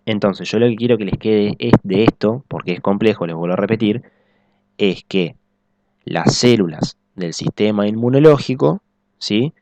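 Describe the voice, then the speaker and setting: A man's voice: on the low side, normal speed, a little mellow, muffled recording. A man giving a recorded biology lecture, explaining step by step and checking in often with the class. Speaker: teacher.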